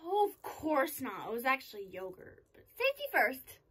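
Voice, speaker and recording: Woman doing a hyper reckless stunt kid type, high voice, cocky n excitable, kids skit. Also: normal speed, breathy edge, exaggerated voice. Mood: boastful. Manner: excitable, breathless boasting with swooping emphasis. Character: hyper, reckless, cocky stunt-loving daredevil named Rush. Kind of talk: scripted children's comedy skit.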